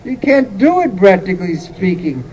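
A man's voice: high voice, very animated, moderate pace, a little mellow, a little hiss or hum, poor audio. A man voicing the loving, anxious mother Yashoda, quoting her pleading words during a sermon. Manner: pleading, heartfelt storytelling quotes.

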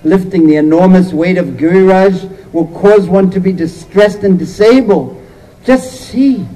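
A man's voice: high voice, dark tone, rough recording. A man voicing the loving, anxious mother Yashoda, quoting her pleading words during a sermon. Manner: pleading, heartfelt storytelling quotes.

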